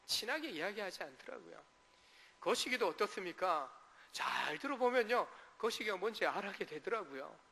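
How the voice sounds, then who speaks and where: A man's voice: high voice, sing-song, moderate pace, gravelly, bright, forceful tone, in a large hall. A male pastor delivering a sermon, asking the congregation rhetorical questions and briefly acting out dialect quotes. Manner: acts out short dialect quotes. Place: church sanctuary.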